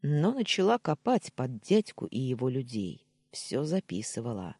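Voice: medium pitch, very animated, moderate pace, warm tone, husky, dry recording, clean studio sound. A narrator voicing the hero, a brooding young man bent on revenge, speaking grimly.

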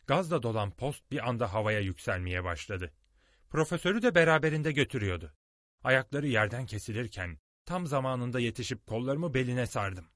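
A man narrating a storybook audiobook in an expressive, dramatic way, recorded on a close studio mic. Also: medium pitch, no room sound.

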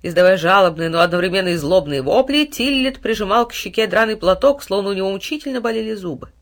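A narrator reading a fairy tale aloud with lively, dramatic storytelling. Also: mid-range voice, fast talker.

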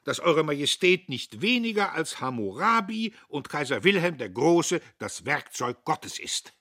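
Brief: pompous crowing prosecutor read by a man, high, bright and husky. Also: sing-song, a little slow, exaggerated voice. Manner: pompous, declaiming.

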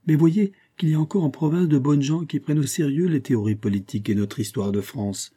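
A worldly, quick-tongued playwright, read by a man with a dark, husky low voice, brushing off a dull guest with brisk dismissal. The audiobook reading lifts the pitch only slightly above the narrator's own. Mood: dismissive.

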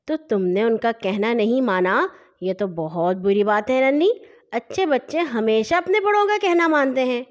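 A woman voicing a young older brother who gently teases and lectures his little sister in a storybook tale. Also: fairly high pitch, expressive, close to an everyday voice. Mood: scolding.

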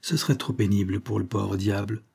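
Casting: a man as a composed police agent, dry wit, dark husky voice, audiobook. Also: fairly low pitch, fairly quick, exaggerated voice. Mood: measured.

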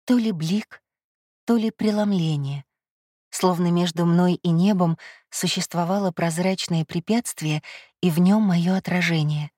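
A woman narrating a first-person fantasy audiobook in a measured, softly dramatic reading. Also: lowish voice, dry recording, clean studio sound.

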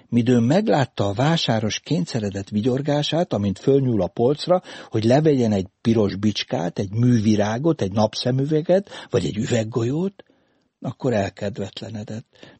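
A man reading a literary story aloud as an audiobook narrator, in a measured, deliberate way. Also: medium pitch, warm tone, husky, no echo.

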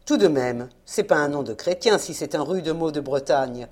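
A woman's voice: deep voice, expressive, normal speed, voice pushed down. A woman voicing an old fisherman father in a rage. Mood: fond, teasing. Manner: stammering, shouting in rage. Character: old Breton fisherman father, stubborn and furious.

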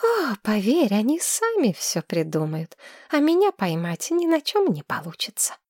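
A woman voicing a bubbly, lovestruck young woman friend who gushes and drops into breathy whispers. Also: fairly high pitch, wildly swooping pitch, moderate pace, a little mellow, no echo, studio quality, pitched above the performer's own voice. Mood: playful.

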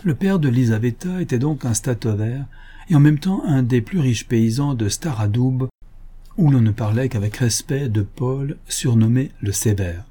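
A man narrating a nineteenth-century novella in a measured, literary reading. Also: medium pitch, lively intonation, warm tone. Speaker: audiobook narrator. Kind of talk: scripted narration.

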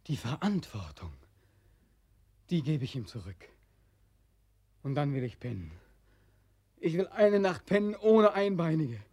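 In a 1940s German radio play, a man acts a haunted, despairing soldier who has returned home, brooding, intense, bitter and sardonic. His high voice is mellow and husky, heavily acted, swinging between whispers and outcries.

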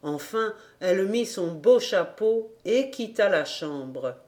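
A woman reading a children's novel aloud as a calm, even audiobook narration. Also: mid-range voice, takes it slowly. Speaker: volunteer audiobook reader.

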